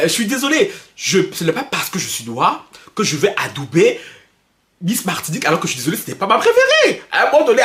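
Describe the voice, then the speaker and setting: High-voiced, excitable Belgian man ranting. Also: echoey room. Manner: excitable, laughing, mocking, stammering restarts. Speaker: YouTuber commenting on pop culture. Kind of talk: animated gossip commentary.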